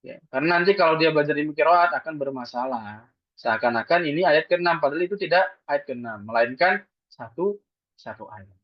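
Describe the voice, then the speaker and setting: A man teaches recitation in a calm, patient way. His voice sits a little high for a man, and it comes through a dull, dry, lo-fi recording. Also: fairly quick, no room sound. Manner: patient, explains step by step, asks and answers his own questions. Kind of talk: online religious lesson.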